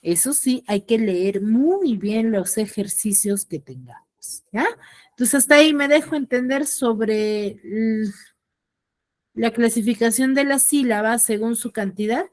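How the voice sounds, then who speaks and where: A woman teaches a secondary class over a video call. She talks slowly and patiently, and her voice sits a little high. She keeps checking that her students follow along. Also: expressive, a little mellow. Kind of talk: online class lesson.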